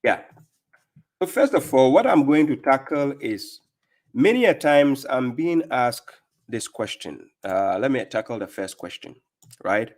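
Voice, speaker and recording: A man's voice: medium pitch, animated, measured pace, darkish tone. A middle-aged man from Ghana with a Ghanaian accent, hosting a live-stream religious talk, speaking emphatically and checking in with "right?" as he goes. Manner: emphatic, repeats "right?" often, greets viewers by name. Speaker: livestream host and religious speaker.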